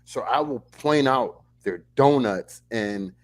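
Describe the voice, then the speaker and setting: A man's voice: mid-range voice, animated, slow. A man hosting a casual fan post-game show, talking emphatically and playfully. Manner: emphatic, playful, talks over others. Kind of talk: casual sports chat.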